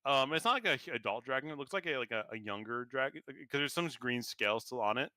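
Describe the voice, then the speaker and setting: A man's voice: mid-range voice, lively intonation, fast, sharp tone, no room sound, clean studio sound. A man narrating as game master of a tabletop game, rambling with many fillers and restarts.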